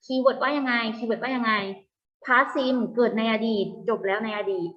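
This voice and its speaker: Thai teacher explaining grammar, higher voice. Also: female voice, lo-fi sound. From Thailand. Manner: patient, asks students frequent check questions; models English pronunciation slowly, repeating words. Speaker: primary school English teacher. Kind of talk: online class lesson.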